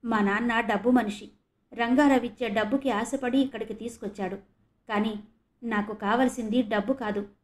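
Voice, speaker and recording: Brief: woman narrator doing a sincere, resolute young man, high-ish voice, audio novel. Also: fairly even intonation, moderate pace, close to an everyday voice. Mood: earnest. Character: earnest young groom-to-be, plain-spoken.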